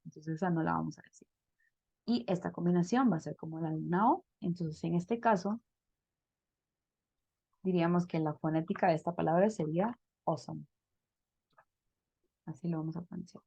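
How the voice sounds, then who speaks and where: A woman's voice: on the low side, vocal fry, darkish tone, no room sound, lo-fi sound. A woman teaching a pronunciation class over a video call, explaining step by step and checking in with her students. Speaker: English teacher.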